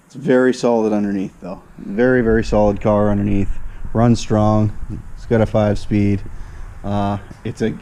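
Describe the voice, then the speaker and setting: A man's voice: fairly low pitch, slight background noise. A man with a stuffy, nasal voice from a cold, casually talking a vlog audience through his car in a shop, with lots of fillers. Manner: relaxed, halting, with many fillers. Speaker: car channel host.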